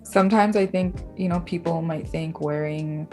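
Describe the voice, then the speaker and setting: A low-voiced young woman from Bangladesh talks thoughtfully about her art and writing in a relaxed interview. She speaks softly, with fillers and light laughs. Faint music plays in the background. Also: normal speed. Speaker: artist and writer, interview guest. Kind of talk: casual interview conversation.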